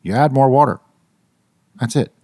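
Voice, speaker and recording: A man's voice: medium pitch, moderate pace, no room sound, clean studio sound. A man co-hosting a casual homebrewing podcast, talking through his opinions with lots of asides and reasoning aloud. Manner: animated, opinionated, rationalizing aloud. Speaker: podcast co-host.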